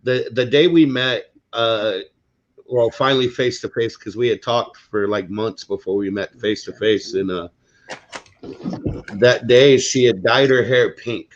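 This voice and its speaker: A man's voice: medium pitch, measured pace. A man in his forties rambling through a personal story on a livestream video call. His voice sits in an ordinary middle range and restarts often. The stream audio is dull and lo-fi. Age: 40s. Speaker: co-host of a livestream. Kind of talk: casual chat on a video call.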